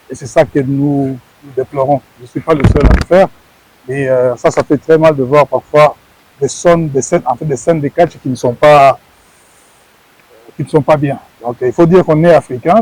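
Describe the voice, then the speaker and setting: On the high side and a little mellow with slight roughness, the voice belongs to a middle-aged former wrestler from Congo giving earnest interview answers. He keeps repeating words as he looks for phrasing; the low-quality recording has no echo.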